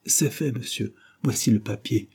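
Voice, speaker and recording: A man's voice: mid-range voice, normal speed, gravelly, darkish tone, slightly rough, voice pushed up. A man voicing a dutiful middle-aged lawyer who answers briefly and respectfully, in an audiobook reading. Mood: deferential. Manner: brief, deferential replies.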